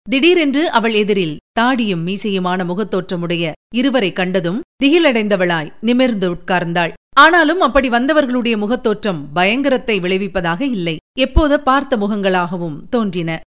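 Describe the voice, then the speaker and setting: A woman reading a novel aloud as an audiobook narrator. She tells the story in a measured, expressive way. Her voice is smooth and clear at a middle pitch. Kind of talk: scripted narration.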